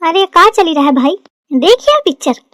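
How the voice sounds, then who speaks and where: A woman's voice: extremely high pitch, very animated, moderate pace, fairly bright tone, no echo, studio quality, heavily acted. A woman voicing a nosy, teasing young brother-in-law in a cartoon.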